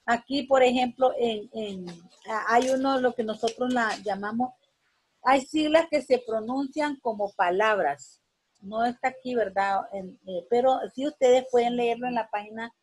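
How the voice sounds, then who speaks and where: A woman's voice: a little high, unhurried, a little mellow, husky. A woman teacher giving a spoken grammar lesson, rambling with many restarts and a constant "right?" tag.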